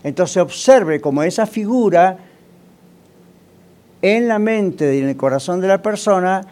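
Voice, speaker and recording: A man's voice: sits high, expressive, measured pace, a little mellow. A male pastor preaching a sermon in a conversational way, often asking the congregation rhetorical questions.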